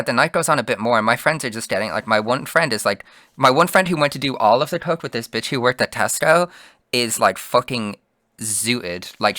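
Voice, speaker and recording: Young dude rambling a story, swears a ton, bright dry voice. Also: male voice, mid-range voice, dry recording. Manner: rambling, heavy swearing and fillers. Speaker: vlogger. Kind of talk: casual storytelling.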